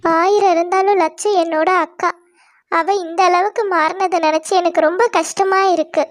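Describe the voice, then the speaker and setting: A woman voicing a gentle, kind young female bird who speaks in a pleading, worried way. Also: extremely high pitch, fairly even intonation, normal speed. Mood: sad.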